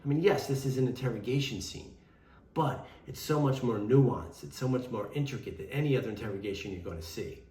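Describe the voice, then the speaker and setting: A man's voice: mid-range voice, a little fast, dark tone. A man hosting a scene review show, giving informal, emphatic, conversational commentary to viewers. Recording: roomy, echoing voice.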